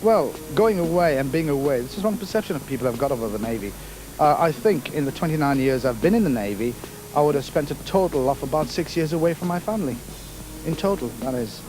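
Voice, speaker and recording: Unhurried middle-aged man from Kenya. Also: on the high side, animated, darkish tone, a little hiss or hum, rough recording. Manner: unhurried, hesitant with many fillers. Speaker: navy chief petty officer, interviewee. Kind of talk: casual interview answers.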